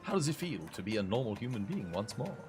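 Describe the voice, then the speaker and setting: A man's voice: mid-range voice, big pitch swings, fast talker, music in the background. A young man on a headset mic, chatting casually to his livestream viewers while commenting on his game. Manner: chatty, rambling, swears mildly, talks to chat. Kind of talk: casual gameplay commentary and chat.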